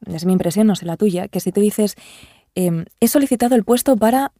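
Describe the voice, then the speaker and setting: A woman's voice: medium pitch, a little fast, mellow, no echo, clean studio sound. A woman hosting a podcast interview, chatting casually and asking questions. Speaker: podcast host. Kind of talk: conversational interview.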